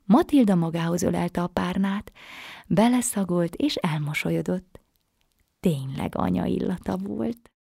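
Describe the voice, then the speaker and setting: A woman reading a bedtime story aloud gently, often sinking to a soft whisper. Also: lowish voice, creaky, husky, dry recording, studio quality.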